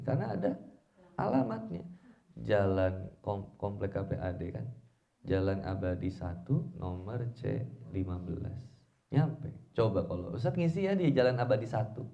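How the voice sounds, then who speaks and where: Low, gravelly male preacher, slangy. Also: dark tone, highs cut off. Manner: chatty and slangy, acting out quoted dialogue; tells personal anecdotes to the audience. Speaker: Islamic preacher. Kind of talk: informal religious study talk.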